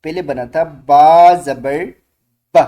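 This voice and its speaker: A man teaching Quran reading, calling out letter sounds slowly and stretching each one for learners to repeat. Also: a little high, highs cut off. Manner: asks learners to repeat loudly after him. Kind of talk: slow drilled recitation lesson.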